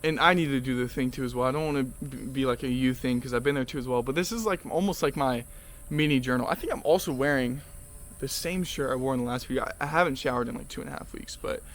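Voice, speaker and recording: A man's voice: mid-range voice, quick pace, slight background noise. A young man vlogging a casual motivational monologue, rambling with lots of fillers, restarts and swearing.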